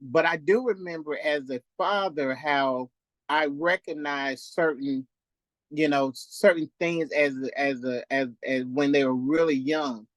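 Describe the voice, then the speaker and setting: Halting man in his fifties. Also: fairly high pitch, a bit bright, dry recording. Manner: halting, many restarts and fillers. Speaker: participant on a call-in Q&A. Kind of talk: casual faith discussion.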